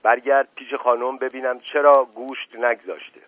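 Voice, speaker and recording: Testy older uncle, head of the family, read by a man; dry, raspy, narrow radio sound. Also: mid-range voice, little pitch movement, no echo, pitched above the performer's own voice, natural voice. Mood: indignant. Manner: scolding, indignant. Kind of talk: audiobook reading. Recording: narrow phone-like radio recording.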